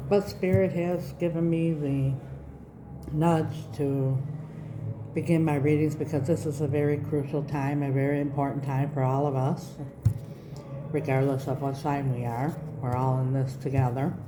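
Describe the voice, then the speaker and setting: A woman giving an unhurried, earnest spiritual card reading to online viewers, her speech slightly slurred and slushy as she recovers from mouth surgery. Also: deep voice, fairly even intonation. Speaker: tarot reader, channel host. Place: indoors in an echoey room. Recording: roomy echo, background noise.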